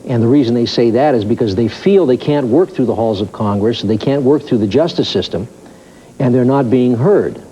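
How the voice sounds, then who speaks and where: A man's voice: mid-range voice, moderate pace, mellow. Earnest male radio host being interviewed. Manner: earnest, with restarts and repeated words. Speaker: radio talk show host, studio guest. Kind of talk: interview answers. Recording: muffled lo-fi 1990s TV audio, faint hiss.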